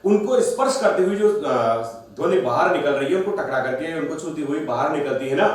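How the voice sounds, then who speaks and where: A man with a somewhat high voice teaches grammar, asking himself questions and then answering them. He sounds set back from the mic in a strongly echoing room. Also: animated, fairly quick. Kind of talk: classroom-style recorded lesson. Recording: very echoey room, voice from a distance.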